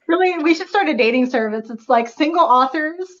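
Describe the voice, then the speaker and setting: A young woman guest on a video call speaks in a wry, candid, joking way. Her voice is a little high. The audio is dull and lo-fi, like a muffled call line. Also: lively intonation, fairly quick, fairly bright tone, a little hiss or hum. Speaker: guest author. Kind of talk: casual interview chat.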